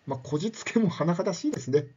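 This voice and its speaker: A man's voice: fairly high pitch, expressive, fast, warm tone, husky. Chatty older man lecturing, lo-fi sound. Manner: chatty, frequent tag questions and fillers. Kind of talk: casual spoken lecture.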